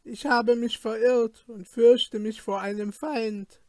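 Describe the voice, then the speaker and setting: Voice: mid-range voice, steady tone, takes it slowly, darkish tone, no echo, natural voice. A storybook reader voicing a frightened young prince who talks in an anxious, pleading way, in a dry recording. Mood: fearful.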